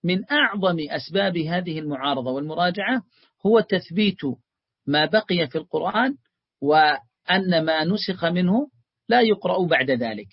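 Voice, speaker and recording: A man's voice: high voice, animated, normal speed, breathy edge, no echo, dull audio. A man teaching a religious lesson, explaining a text and calling his students his beloved ones.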